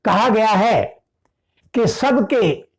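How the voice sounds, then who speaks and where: A spiritual teacher with a calm, deliberate manner delivers a scripture discourse at a very slow pace. The voice sits at a medium pitch, moving between drawn-out verse recitation and patient explanation, phrase by phrase.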